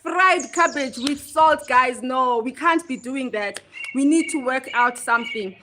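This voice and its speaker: A woman's voice: high-pitched, a little slow, pushed and bright, a little hiss or hum. A South African woman hosting a casual livestream chat outdoors at home, greeting viewers by name and laughing often. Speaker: livestream host.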